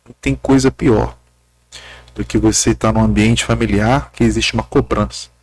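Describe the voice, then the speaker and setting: A man's voice: lowish voice, steady tone, normal speed, a little mellow, dry recording. A man interviewing a guest and then giving earnest, direct counsel, addressing him informally.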